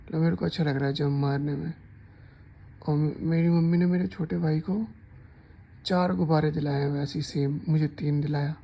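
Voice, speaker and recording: A man's voice: fairly high pitch, steady tone, moderate pace, vocal fry, lo-fi sound. A man casually recounting a dream in a chatty, rambling way, full of restarts and asides. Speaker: storyteller. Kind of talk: casual storytime narration.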